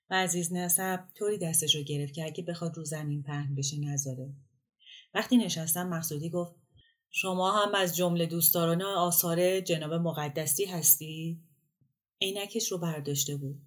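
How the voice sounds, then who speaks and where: A woman narrating a literary short story in a calm, measured reading voice. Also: low-pitched. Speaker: story reader. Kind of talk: audiobook narration.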